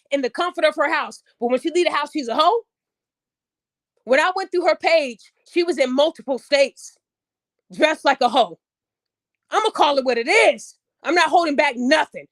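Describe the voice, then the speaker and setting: A woman's voice: sits high, a bit bright, no room sound, clean studio sound. A woman hosting a podcast, ranting bluntly and angrily with heavy profanity and emphatic stresses. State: upset. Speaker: podcast host. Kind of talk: angry opinion rant.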